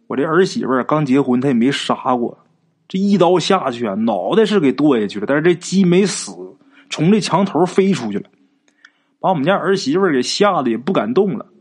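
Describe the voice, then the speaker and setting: An older villager, as a male narrator puts him on, who explains things in a plain, rambling way. His voice is low-key and husky. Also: lively intonation, brisk, darkish tone. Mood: explaining.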